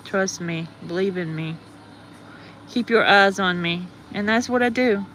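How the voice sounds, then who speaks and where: A woman's voice: medium pitch, unhurried, a bit bright, a little hiss or hum. A woman hosting a livestream with a groggy morning voice, rambling casually and greeting her viewers. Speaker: livestream host.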